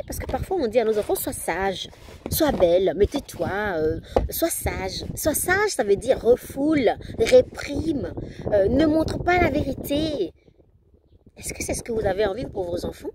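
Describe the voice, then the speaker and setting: A woman's voice: fairly high pitch, background noise. A woman in her thirties, a parenting coach, talking casually and animatedly to the camera. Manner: animated, acts out her children's voices.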